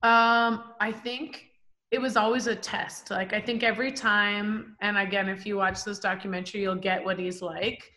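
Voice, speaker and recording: A woman in her forties, a professional boxer from Canada, telling her story in a casual interview, animated and full of fillers. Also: medium pitch, moderate pace. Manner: animated, chatty, many fillers like "like" and "um". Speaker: professional boxer, podcast guest.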